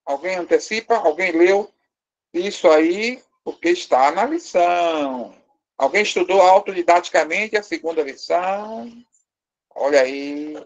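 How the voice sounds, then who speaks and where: The highs are cut off in this recording of a man with a high voice speaking at a measured pace. He's a language teacher with a Brazilian Portuguese accent leading a live class, explaining step by step, quizzing students, and teasing them with light jokes.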